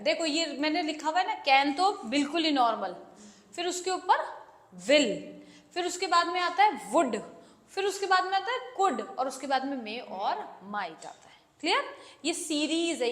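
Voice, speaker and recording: Indian woman English teacher, high voice, patient explainer, echoey room with long reverb. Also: a bit bright. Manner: explains patiently, acts out example sentences slowly. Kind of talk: classroom-style grammar lesson.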